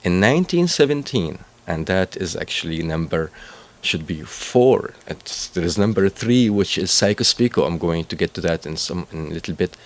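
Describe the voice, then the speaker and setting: Low-voiced man. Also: lively intonation. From Palestine and Syria. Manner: halting, searching for words, frequent restarts. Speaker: interview guest. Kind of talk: explanatory interview answers.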